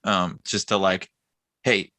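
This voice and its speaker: Excited guy chatting about a movie, laughs a lot, dry room. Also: on the low side, fairly quick, dry recording. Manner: excitable, laughs often, acts out quoted lines. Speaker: podcast co-host. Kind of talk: casual film chat.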